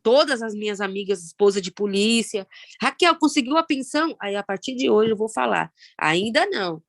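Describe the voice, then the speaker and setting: A Brazilian woman in her thirties with a Brazilian Portuguese accent, telling her own story of loss in a halting, reflective way with many pauses and fillers. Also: mid-range voice, no room sound. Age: 30s. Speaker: guest sharing personal story. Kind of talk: emotional personal testimony.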